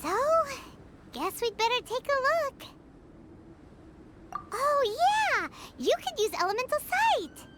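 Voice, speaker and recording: An actress voicing a tiny, excitable, childlike female fairy companion in a video game, chirpy, cutesy and cheeky. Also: very high voice, slow pace, long pauses, noisy background, exaggerated voice. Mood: eager, triumphant. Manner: chirpy, cutesy, refers to self by name. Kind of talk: scripted video game character dialogue.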